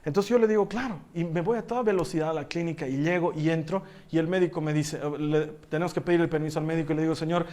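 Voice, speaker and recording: A man preaching a sermon through a personal story, shifting from hushed tones to loud bursts and laughing as he tells it. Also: fairly high pitch, quick pace, hardly any pauses. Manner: animated storyteller who swings from hushed to loud. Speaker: pastor.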